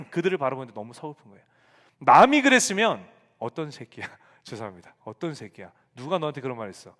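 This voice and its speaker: A man's voice: on the high side, a bit bright. A male pastor in his forties preaching a sermon to young adults, telling a family story and acting out the lines he quotes. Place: church sanctuary. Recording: reverberant church hall.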